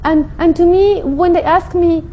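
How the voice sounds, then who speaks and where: High-voiced Mexican woman, earnest testimony. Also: steady tone, highs cut off, slight background noise. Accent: Mexican Spanish. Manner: earnest, halting, with frequent restarts. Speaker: convert sharing her testimony. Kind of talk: personal testimony.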